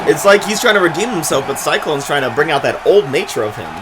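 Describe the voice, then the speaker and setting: A man working as a play-by-play wrestling commentator, exclamatory and breaking into shouts as he follows the action. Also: on the high side, expressive, fast, a crowd in the background, background noise. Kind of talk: excited pro-wrestling commentary.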